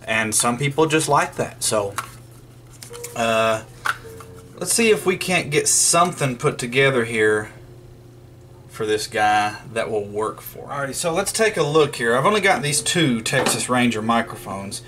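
A vlogger demonstrating radio repair at a wooden workbench indoors talks through the job in a folksy, off-the-cuff way, thinking out loud. His medium-pitched voice is a bit bright and lively in intonation, and he takes his time. A little hiss or hum can be heard.

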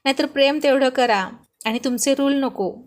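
A woman's voice: high-pitched, normal speed. A woman narrating a serialized romantic story, chatty and commenting to her listeners.

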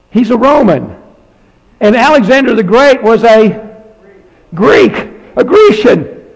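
A man's voice: high voice, creaky, a little mellow, long reverb tail, rough recording. A man preaching a sermon in a church as pastor, emphatic and folksy, repeating key phrases and dropping asides to his congregation. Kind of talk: sermon with prayer. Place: church sanctuary.

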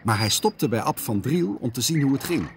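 A man narrating a children's cartoon story in a gentle storytelling manner. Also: mid-range voice, expressive, normal speed, background noise. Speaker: storyteller narrating and voicing all characters. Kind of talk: storybook narration with character voices.

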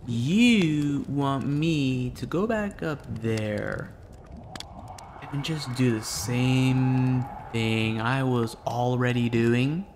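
A young man acting out a scripted animated skit as his avatar, with stilted, hesitant, deadpan amateur delivery. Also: medium pitch, drawn-out words, slight background noise. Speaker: content creator playing his avatar.

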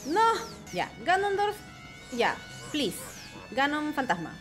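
A woman commentating her own gameplay, excitable and foul-mouthed, cheering and shouting at the screen. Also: high-pitched, slow. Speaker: gaming channel host. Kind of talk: let's-play commentary. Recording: game music playing under the voice.

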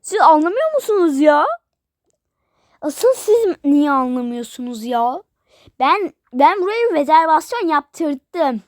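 A woman's voice: high-pitched, big pitch swings, slow, dry recording, studio quality, heavily acted. A woman voicing a tired, impatient businessman hotel guest in a playful toy role-play, repeating himself insistently. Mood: exasperated.

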